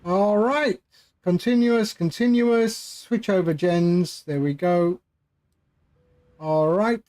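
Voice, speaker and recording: A man's voice: high voice, slow, a little mellow. A man streaming a flight simulator as a pilot, casually talking himself through procedures and making radio calls. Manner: talks himself through steps.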